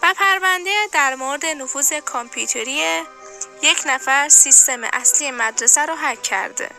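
An actress voicing a composed school principal who speaks in a measured, firm and authoritative way. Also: female voice, sits high, gravelly, bright, forceful tone, soft background music, exaggerated voice. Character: composed adult woman school principal, firm but kind. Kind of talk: audio drama acting.

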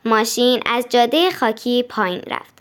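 A woman narrating a children's audiobook in a gentle, even storytelling manner. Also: on the high side.

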